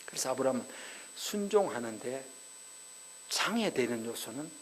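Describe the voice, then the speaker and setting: A man's voice: medium pitch, sing-song, normal speed, slight background noise, rough recording. A male pastor delivering a revival sermon, telling stories and asking the congregation rhetorical questions. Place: church sanctuary.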